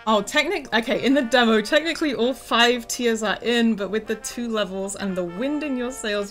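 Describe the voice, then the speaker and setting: Woman, game developer, casual livestream chat, scratchy rough voice, medium pitch, lots of fillers, soft music underneath. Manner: chatty, with many ums and uhs. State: scratchy, rough voice from feeling unwell. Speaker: game developer streaming a demo.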